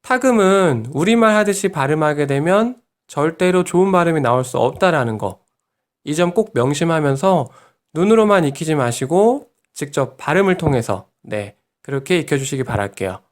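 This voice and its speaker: A man teaching Japanese pronunciation in a lesson video, patient and encouraging, modelling each syllable slowly. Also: on the high side, lively intonation. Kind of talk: online language lesson.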